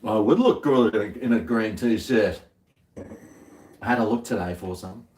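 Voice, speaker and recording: A man's voice: lowish voice, unhurried, darkish tone. An Australian man chatting casually to viewers over a beer, rambling in a laid-back, slangy, working-bloke way. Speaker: livestream host. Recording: roomy echo, distant microphone.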